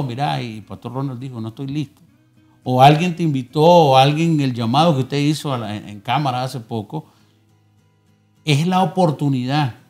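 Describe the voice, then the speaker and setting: A Nicaraguan man preaches on a television panel, pressing his points with emphatic urgency. His voice sits at a middle pitch. Soft music hums in the background. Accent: Nicaraguan Spanish.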